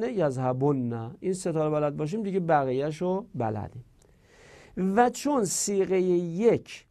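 A male grammar teacher giving a classroom lecture, patiently explaining step by step and slowly repeating verb forms, sometimes correcting himself. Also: on the high side, a little mellow.

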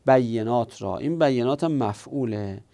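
Gravelly-voiced man teaching grammar. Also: mid-range voice, mellow, no room sound, studio quality. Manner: explains step by step, asks and answers his own questions. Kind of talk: classroom grammar lesson.

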